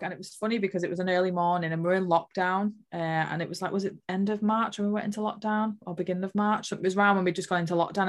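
A woman earnestly telling a personal spiritual story as an interview guest, emotional and full of fillers. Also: lowish voice.

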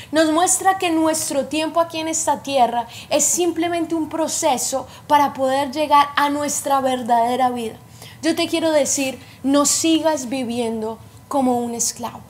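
A woman's voice: sits high, a little hiss or hum. A woman pastor giving a fervent sermon, speaking straight to her listeners, repeating phrases and calling them to faith. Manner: earnest, fervent preaching with repetition and direct appeals.

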